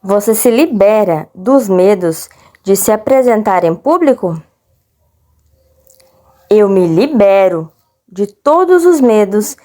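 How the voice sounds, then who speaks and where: A Brazilian woman leads a guided relaxation and affirmation script. Her delivery is markedly slow and deliberate. The tone is mellow and soothing, with phrases repeated in a measured way. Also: mid-range voice. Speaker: guided meditation instructor.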